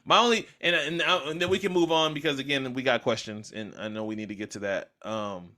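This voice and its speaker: A young man with a bright, forceful voice hosts a casual podcast conversation. He talks with plenty of filler and restarts, then gets loud and animated when he argues his point. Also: medium pitch, a little fast. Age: young adult. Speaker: podcast host. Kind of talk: casual chat.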